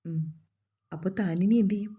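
A woman voicing a calm, kindly young man who speaks in a gentle, reassuring way, in a storybook reading on a dull lo-fi recording. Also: lowish voice, a little fast, breathy edge.

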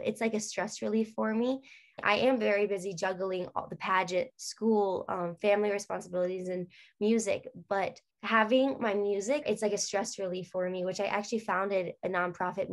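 A woman's voice: mid-range voice, normal speed. A young woman, a guest singer, talking earnestly and chattily on a video call, drifting off on tangents. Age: young adult. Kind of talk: casual video-call interview. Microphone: laptop webcam on video call.

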